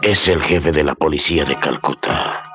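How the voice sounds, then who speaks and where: Deep deep gravelly guy narrating a radio drama, music under him. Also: fairly even intonation, normal speed.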